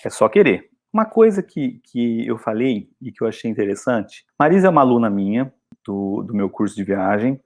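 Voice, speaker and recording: A man's voice: medium pitch, normal speed. Chatty Brazilian man teaching English. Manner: chatty, animated, encouraging. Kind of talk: casual video lesson.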